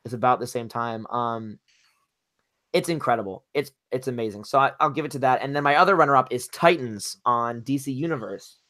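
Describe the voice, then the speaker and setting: A man's voice: medium pitch, fairly quick, a bit bright, dry recording, studio quality. A young man co-hosting a podcast, talking in an eager, rambling way about his favorites. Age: young adult. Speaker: podcast co-host. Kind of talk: casual chat.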